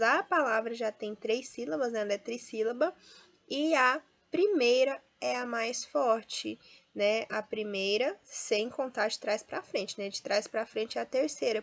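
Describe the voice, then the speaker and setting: A woman teacher with a Brazilian Portuguese accent who explains step by step and draws out each example word. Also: a little high. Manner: explains step by step, often adds tag questions; stresses and drawls out example words. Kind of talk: classroom lesson.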